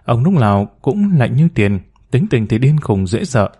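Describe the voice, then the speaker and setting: A man's voice: medium pitch, sing-song, moderate pace, warm tone, husky. A man voicing a timid, humble woman of forty. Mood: bitter. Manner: deferential, hesitant, pleading. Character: timid humble woman about forty, former bar girl.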